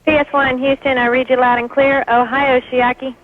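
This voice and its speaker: A thin astronaut radio link carries a high-voiced woman working as mission control. She gives brief replies with faint noise around her. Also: level tone, fairly quick, narrow, tinny audio. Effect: radio transmission.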